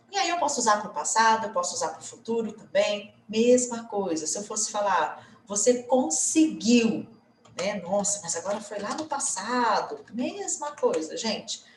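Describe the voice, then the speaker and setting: A Brazilian woman, an English teacher, explaining grammar in a lively way with many tag questions. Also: mid-range voice, reverberant, recorded from a distance, slight background noise. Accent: Brazilian Portuguese.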